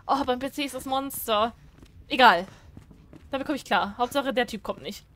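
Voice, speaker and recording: A woman's voice: on the high side, normal speed, fairly bright tone. A young woman commenting on a horror game, chatty and jumpy, talking to herself and the characters. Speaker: let's play gamer.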